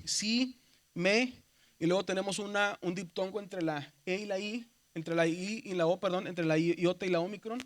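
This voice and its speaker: There's a little hiss or hum behind this man's high-sitting voice as he lectures a seminary class. He is from Mexico and has a Mexican Spanish accent, explaining step by step, frequently asking "¿verdad?", and addressing his students as "hermanos," or brothers.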